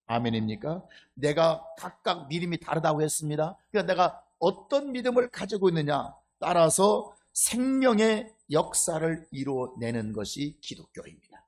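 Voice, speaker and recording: A man delivering a sermon as pastor, with a high voice that leaps widely up and down. He drops low for quiet asides, then climbs into loud, fervent preaching. He keeps calling on the congregation to answer amen. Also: animated, a little slow. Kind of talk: sermon with congregation call-and-response.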